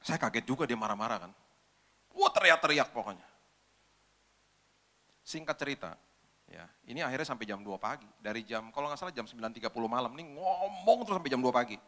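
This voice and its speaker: A man pastor telling a story in a sermon, acting out the dialogue with lively back-and-forth. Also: mid-range voice, fast talker, long pauses, big-room sound. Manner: animated, acts out dialogue.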